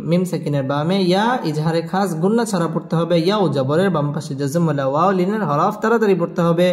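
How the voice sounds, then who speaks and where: A man teaching Quran recitation. He spells out letters and vowel marks one by one, explains the reading rules, then chants each verse slowly with long drawn-out notes. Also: a little high, roomy sound, in a large hall.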